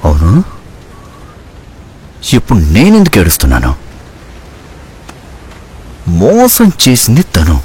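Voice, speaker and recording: A man's voice: fairly low pitch, huge pitch swings, normal speed, a little hiss or hum. A man voicing a heartbroken old grandfather in a dubbed film, giving dramatic, preachy speeches. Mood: bitter. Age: older. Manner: dramatic, preachy speeches with sing-song swings. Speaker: film character in a dubbed movie. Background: loud film music.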